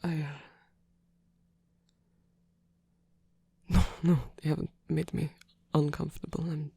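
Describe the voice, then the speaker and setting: A performer voicing a flirtatious but flustered, tender male rock frontman in an intimate ASMR romance roleplay, speaking in a hesitant, halting, husky whisper. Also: mid-range voice, flat delivery, warm tone, no echo, studio quality. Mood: flustered, bashful.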